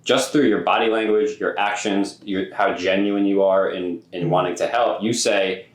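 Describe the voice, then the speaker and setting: A man's voice: low-pitched, fairly even intonation, normal speed. A man hosting a casual podcast conversation, thinking aloud in a reflective way with stammers and restarts. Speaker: podcast host. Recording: roomy echoey room.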